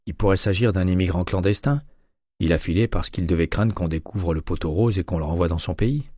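A man's voice: sits low, fairly quick, dark tone, dry recording, clean studio sound. A man reading an audiobook, voicing a matter-of-fact male police detective who lays out the facts of a case. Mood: explaining.

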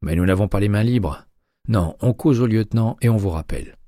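A man's voice: lowish voice, expressive, a little fast, warm tone, no room sound, clean studio sound, voice pushed up. Man doing a scornful, territorial detective. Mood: dismissive. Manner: scornful, challenging. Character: condescending male police detective, territorial. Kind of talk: audiobook dialogue reading.

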